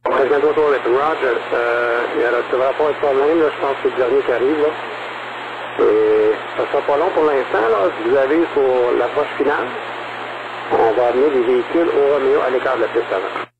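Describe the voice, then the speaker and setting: A fast-talking man with a Quebec French accent guides traffic as an air controller. His mid-pitched voice comes over a noisy radio in loose, informal phrasing. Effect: aviation radio. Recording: noisy, muffled aviation radio.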